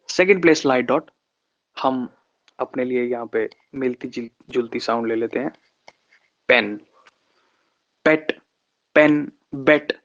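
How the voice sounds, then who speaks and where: A man teaching an online lesson at an unhurried, deliberate pace, drawing out each vowel sound and repeating example words. His voice sits in a middle register. The recording is a little dull and lo-fi. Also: mid-range voice. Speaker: shorthand teacher.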